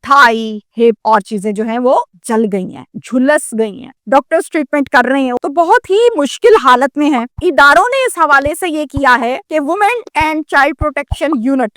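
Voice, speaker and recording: Bright-voiced woman narrating crime news. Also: high voice, animated, hardly any pauses, no room sound. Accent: Pakistani Urdu. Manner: indignant, lecturing, addresses the listener directly. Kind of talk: crime story narration with commentary.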